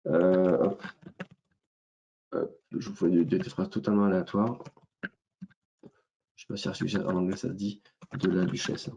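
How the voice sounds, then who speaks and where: A man with a southern French accent presenting a software demo in a webinar, talking hesitantly with many fillers and restarts. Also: deep voice, little pitch movement, a little slow, creaky, pauses often, slight background noise.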